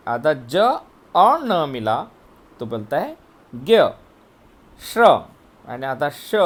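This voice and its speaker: A man teaching a grammar lesson, explaining letters and sounds slowly, step by step. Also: medium pitch. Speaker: Hindi teacher. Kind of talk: recorded classroom lesson.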